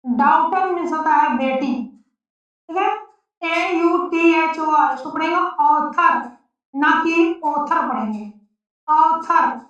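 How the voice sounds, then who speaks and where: Slow, high-voiced woman teaching pronunciation. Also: fairly bright tone. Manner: spells out letters slowly and repeats words. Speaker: English teacher. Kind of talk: slow spoken-English pronunciation lesson. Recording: echoey, distant, dull lo-fi sound.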